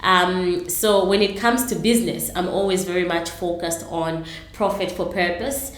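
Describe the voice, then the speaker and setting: Speaking at a normal speed in a steady, fairly low-pitched voice, this middle-aged entrepreneur from Zambia responds earnestly to an interviewer. She restarts often and says um a lot, and the audio is reverberant.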